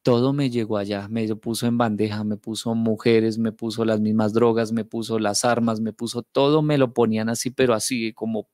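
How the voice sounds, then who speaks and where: A man's voice: on the low side, little pitch movement, brisk, hardly any pauses, darkish tone, no echo, studio quality. A man from Bogotá with a Colombian accent, giving an earnest personal faith testimony in a storytelling way, often repeating phrases. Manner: earnest, emotional storytelling with repetitions. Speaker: testimony speaker.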